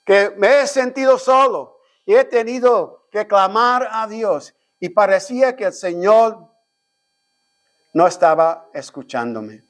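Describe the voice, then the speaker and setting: A man's voice: sits high, lively intonation, slow pace. A man, preaching a Sunday school sermon as a pastor, often turning to the congregation with amens and questions and acting out his own prayers. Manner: dramatizes his own prayers, rising to a shout.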